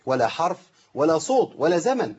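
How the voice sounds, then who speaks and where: A man's voice: fairly high pitch, very animated, brisk, a little mellow, husky, dull audio. A man with an Egyptian accent teaching Quran recitation on a live show, stretching out demonstration phrases and quizzing his students. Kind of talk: live TV recitation lesson with call-ins.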